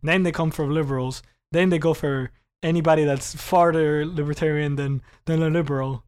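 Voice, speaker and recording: At a moderate pace and with a voice on the high side, a man in his twenties who grew up in Cuba chats as a podcast guest. The conversation is casual and lively, full of laughter and sentence starts where he repeats words.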